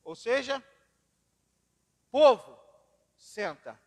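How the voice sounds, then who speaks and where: A man's voice: very high voice, expressive, extremely slow, a little mellow. A man preaching a sermon, telling personal stories with dramatic swings in his voice, recorded in a church hall. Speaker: pastor. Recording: long reverb of a church hall.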